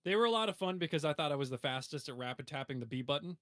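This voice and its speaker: A man co-hosting a podcast, relaxed and laughing along in casual talk about video games. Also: fairly high pitch, rapid-fire, dry recording, studio quality. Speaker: podcast co-host. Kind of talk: casual gaming banter.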